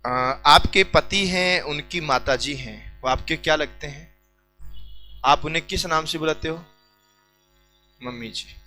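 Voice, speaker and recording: A man's voice: fairly high pitch, a little slow, long pauses, pushed and bright, soft background music, poor audio. A man teaching a class in a joking lecture style, teasing the students and talking straight to them. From India.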